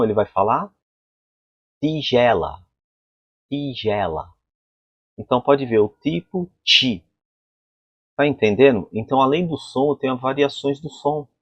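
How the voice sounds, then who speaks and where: A man's voice: medium pitch, breathy edge, dry recording, muffled recording. A man teaching an English pronunciation lesson at a board, explaining sounds and asking the class rhetorical questions. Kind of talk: whiteboard phonetics lesson.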